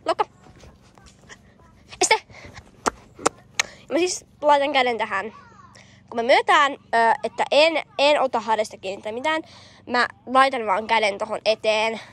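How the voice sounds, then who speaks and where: A woman's voice: a little high, fairly bright tone. A young woman vlogging outdoors on a field with a handheld camera, chatting casually with many fillers and calling out commands. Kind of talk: casual hobby-horse riding vlog.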